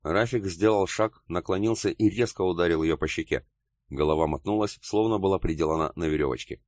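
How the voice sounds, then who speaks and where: A man narrating an audiobook in a steady, measured way. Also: deep voice, no echo, clean studio sound.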